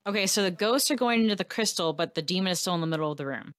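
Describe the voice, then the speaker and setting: Animated woman playing a tabletop game. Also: on the low side, rapid-fire, no room sound. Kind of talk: casual in-game chat.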